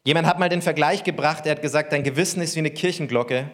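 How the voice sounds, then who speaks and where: A man's voice: fairly high pitch, quick pace, fairly bright tone. A man preaching a sermon as pastor, talking conversationally and asking the congregation questions.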